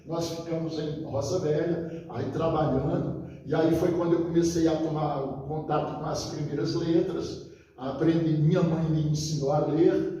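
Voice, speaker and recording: A man's voice: on the high side, mellow, slight background noise. An older man from Northeast Brazil telling stories from his childhood in an interview, often stopping to correct himself. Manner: rambling, many restarts, reminiscing. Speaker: interviewee, retired teacher and writer. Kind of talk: relaxed storytelling interview. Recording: echoey, distant, long reverb.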